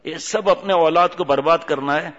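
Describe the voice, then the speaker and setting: Male preacher, animated and scolding, fond of rhetorical questions; long reverb, dull lo-fi sound. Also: fairly high pitch. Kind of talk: sermon.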